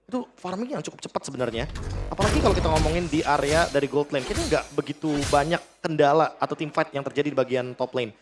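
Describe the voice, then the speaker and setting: Male esports co-caster, explanatory and tactical, highish fast delivery, music behind. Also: lively intonation. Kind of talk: analytical esports commentary.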